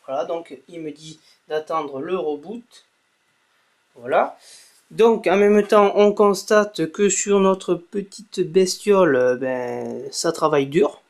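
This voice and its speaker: A man's voice: high-pitched, slow, darkish tone. A young man giving a casual spoken tech tutorial, chatty, with many fillers and self-corrections. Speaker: tech video blogger. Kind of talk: casual screen-recorded tutorial.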